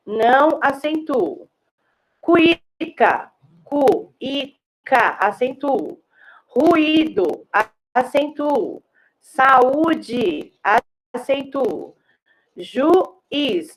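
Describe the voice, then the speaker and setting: A woman teacher, giving a remote classroom lesson and explaining slowly and patiently, often checking in with her class. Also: high voice, low-quality recording.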